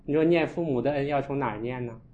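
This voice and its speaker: A man, a Buddhist monk, giving a storytelling dharma talk and acting out his own scolding with sharp jumps in voice. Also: mid-range voice, fast talker. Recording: echoey, dull lo-fi room.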